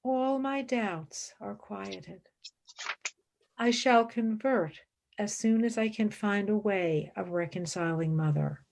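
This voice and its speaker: An actress in a radio play performs a fervent, devout woman philosopher and mystic, delivering both monologue and dialogue in intense, formal, reverent declamation. Her mid-range voice is slow and darkish with vocal fry, and her mood is calm and resolute. There is slight background noise.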